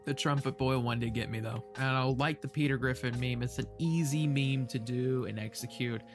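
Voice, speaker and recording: Guy doing wry swear-y meme commentary, music playing loud behind him. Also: medium pitch, fairly even intonation, normal speed. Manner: wry, profane remarks. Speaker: video commentator.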